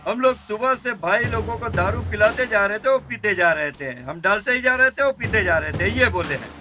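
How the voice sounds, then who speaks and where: A man's voice: sits high, lively intonation, brisk, music in the background. A man dubbing a boastful, scheming gang member in a Hindi-dubbed action film. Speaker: gang member plotting against a rival. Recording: dubbed dialogue over loud film score.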